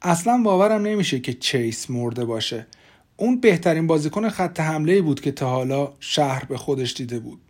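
A man's voice: a little high, expressive, darkish tone. A man reading a plain, dutiful deputy.

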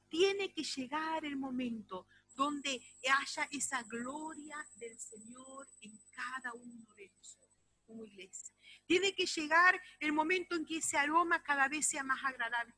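A woman pastor preaching a sermon, swinging from loud exclamations to hushed, almost whispered passages and speaking straight to her congregation. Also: high-pitched, dry recording, rough recording. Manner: addresses the congregation directly and often.

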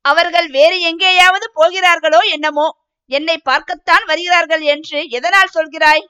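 A woman's voice: very high-pitched, fairly even intonation, normal speed, bright, forceful tone. A woman voicing a flustered young male village farmer who answers defensively and pleads.

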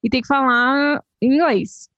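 A woman hosting a casual chat, talking in a relaxed, chatty way. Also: sits high, slow pace, no room sound. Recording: dull lo-fi dry sound.

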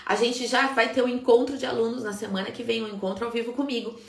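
A woman, a business coach giving an animated live-stream talk to party decorators, often tagging her sentences with "né?". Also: a little high, quick pace, creaky, roomy sound. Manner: animated, emphatic, frequent "né?" tags.

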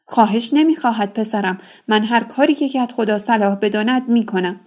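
A woman voicing a gentle fatherly old uncle. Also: a little high, natural voice. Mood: reassuring.

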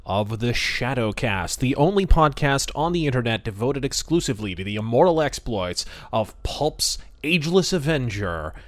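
A man hosts a podcast, giving semi-scripted commentary with theatrical emphasis and ornate phrasing. He speaks at normal speed with few pauses, his medium-pitched voice animated.

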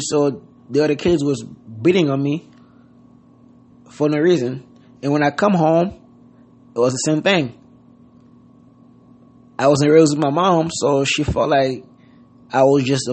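This Haitian man's voice is mid-range and a little mellow. As a podcast host, he gives a casual, earnest pep talk in loose wording, full of "you know what I mean."

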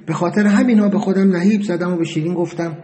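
A man narrating a first-person story in a steady, reflective way. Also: sits high.

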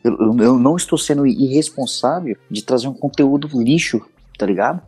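A man's voice: mid-range voice, fairly quick, husky. A Brazilian man, a podcast guest, chatting casually and acting out little scenes as he explains his audio work. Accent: Brazilian Portuguese. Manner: animated storyteller acting out scenes.

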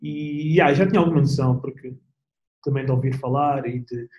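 A young man with a European Portuguese accent, chatting as an interview guest in a relaxed, slangy way with plenty of restarts. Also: medium pitch, a little fast, reverberant, dull audio. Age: young adult. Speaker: guest athlete. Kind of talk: casual interview chat.

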